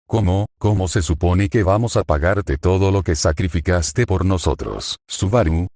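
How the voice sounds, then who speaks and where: A man voicing a gentle young woman who whispers anguished words to herself. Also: deep voice, moderate pace, dry recording, studio quality. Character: tearful gentle young half-elf woman.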